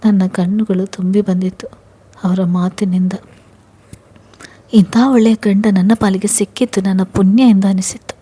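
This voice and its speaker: A woman narrating a first-person family story in a soft, hushed, emotional way. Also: mid-range voice, little pitch movement, moderate pace, breathy edge.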